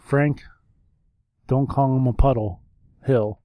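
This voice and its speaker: A man's voice: mid-range voice, steady tone, slow pace, mellow, no echo. A man co-hosting a casual snack-review podcast, joking and laughing often. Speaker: podcast co-host.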